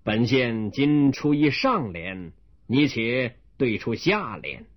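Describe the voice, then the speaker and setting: A man doing a slow, stern county magistrate. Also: mid-range voice, big pitch swings, pitched below the performer's own voice. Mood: suspicious. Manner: slow, drawn-out, stern official delivery. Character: pompous suspicious male county magistrate. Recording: dull lo-fi recording.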